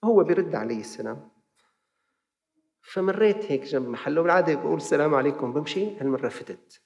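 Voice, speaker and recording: A man with a Levantine Arabic accent preaching a lesson, telling a story and acting out the dialogue in lively fashion. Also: fairly high pitch, fast, vocal fry, in a large hall.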